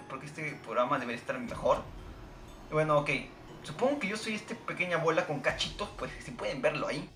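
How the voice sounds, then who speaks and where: Excitable swearing gamer with lively pitch. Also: male voice. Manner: excitable, swearing, shouting at the game. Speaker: gamer playing a game on video. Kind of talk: live gameplay commentary. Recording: echoey room with game music behind.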